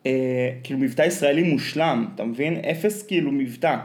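This man's voice sits on the high side and sounds a little mellow. He has an Israeli accent and chats casually, telling rambling anecdotes peppered with slang fillers.

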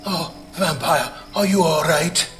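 A man voicing a fussy older wizard headmaster who makes slow, solemn announcements. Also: fairly high pitch, a bit bright. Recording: background music.

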